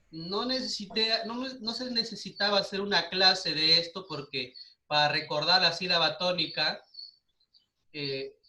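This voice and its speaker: Man, Peruvian Spanish accent, schoolteacher, very bright voice, echoey room. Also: high-pitched. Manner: patient, asks the class questions and repeats answers. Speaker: primary school teacher. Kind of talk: online class lesson.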